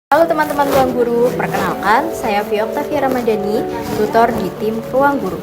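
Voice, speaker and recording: A woman's voice: a little high, fairly quick. A young adult woman introducing herself as a tutor in an upbeat, encouraging way, reading a scripted introduction for a class role-play. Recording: loud background music.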